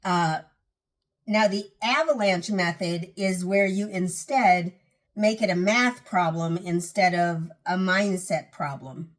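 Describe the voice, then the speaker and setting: A woman's voice: fairly low pitch, takes it slowly. A woman vlogger talking casually about getting out of debt. She is earnest, often restarts and repeats phrases for emphasis, and sounds a little tired. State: tired, yawning. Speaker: personal finance vlogger. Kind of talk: casual talk to camera.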